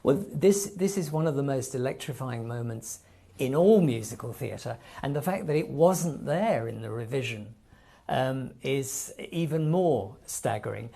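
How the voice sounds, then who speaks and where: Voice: medium pitch, animated, a little slow, creaky, dark tone, breathy edge. An interview host talking eagerly about a musical, with frequent ums. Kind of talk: casual interview chat.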